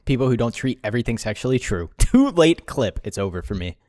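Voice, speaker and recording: A man's voice: mid-range voice, sing-song, fairly quick, darkish tone, dry recording, studio quality. A young man doing live reaction commentary as a streamer, incredulous and laughing often.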